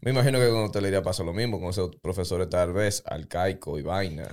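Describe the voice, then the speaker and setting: A man hosts a relaxed podcast conversation in a lowish voice. He jokes around, speaks bluntly and drops casual swear words, keeping the talk loose and informal. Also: fast talker. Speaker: podcast host, designer. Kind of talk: casual chat.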